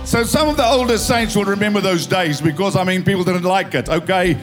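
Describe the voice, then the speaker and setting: Soft music plays behind a pastor in his fifties from South Africa as he preaches in church at a fairly quick pace. His voice sits high and sounds weary, and he tells stories emphatically, rising to loud declarations in a sermon that blends English and Afrikaans.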